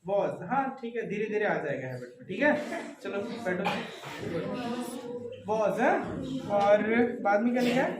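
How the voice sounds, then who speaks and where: A teacher leads a classroom lesson, calling students up by name and tagging nearly every point with a check that they follow. The talk is chatty and joking. The voice comes from across an echoey room with clear background noise. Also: mid-range voice, lively intonation, moderate pace, recorded from a distance. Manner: quizzes students by name, checks understanding with constant tag questions. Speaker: English teacher. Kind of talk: classroom lesson in Hindi with English terms. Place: classroom, indoors. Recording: echoey classroom, voice from afar, noisy.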